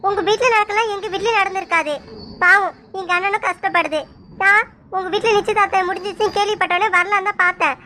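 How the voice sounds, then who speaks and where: An outspoken young village girl in a cartoon who talks fast and scolds, as voiced by a woman. Her voice is very high and bright, with faint room noise behind it. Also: fairly even intonation. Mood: indignant. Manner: quick, scolding, indignant.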